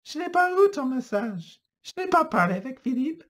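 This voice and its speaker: Man doing a young storybook heroine: high, shrill, indignant, exclaims a lot. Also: sing-song, normal speed, heavily acted. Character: young woman, hurt and indignant.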